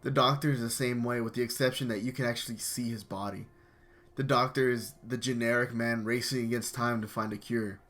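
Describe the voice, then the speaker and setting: A man's voice: mid-range voice, fairly even intonation, brisk, a bit bright. A young man giving a dry, dismissive game review in a scripted narration.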